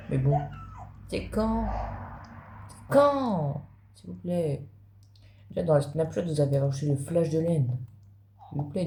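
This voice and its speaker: A man's voice: fairly high pitch, mellow. Chatty man with a roomy echo. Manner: chatty, talks straight to viewers. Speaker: gaming video creator. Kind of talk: casual gameplay commentary. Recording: roomy echo, faint background noise.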